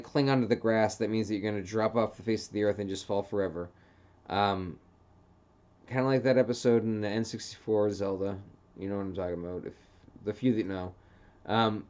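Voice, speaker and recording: A man's voice: fairly low pitch, a little mellow, muffled recording. A young man rambling through a casual solo monologue, full of filler phrases, as the host of his own show. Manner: meandering, heavy on filler phrases. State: hiccups. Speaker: podcast host.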